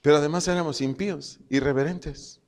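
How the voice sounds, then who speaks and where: A man's voice: a little high, fairly even intonation, fairly quick, a little mellow, long reverb tail. A man teaching a Bible study, asking questions and answering them himself, repeating key phrases and spelling out Greek words.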